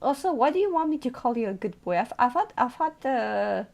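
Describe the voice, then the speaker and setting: A woman's voice: fairly high pitch, big pitch swings, a little fast, vocal fry, darkish tone. Playful streamer woman chatting with chat. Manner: playful, laughs often, teasing. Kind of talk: casual live-stream chat with viewers.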